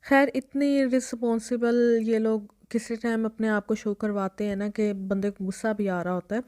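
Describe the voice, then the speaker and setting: A woman's voice: fairly high pitch, flat delivery, moderate pace, a little mellow, clear, resonant tone. A young woman, chatting and rambling through a casual vlog story. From Pakistan. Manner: chatty, rambling, keeps restarting with "anyway". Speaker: vlogger.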